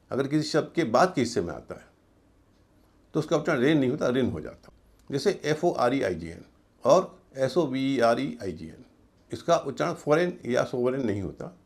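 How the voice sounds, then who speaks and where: Creaky-voiced male pronunciation teacher. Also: mid-range voice, big pitch swings, a little mellow. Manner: slow, deliberate spelling out of letters and repeated drilling of words. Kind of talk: video lesson in Hindi.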